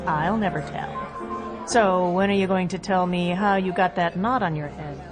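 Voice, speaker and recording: A woman's voice: on the low side, unhurried, music in the background, lightly acted. Actress as a flirty, self-assured female agent. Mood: flirtatious. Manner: playful, teasing. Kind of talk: audio drama dialogue.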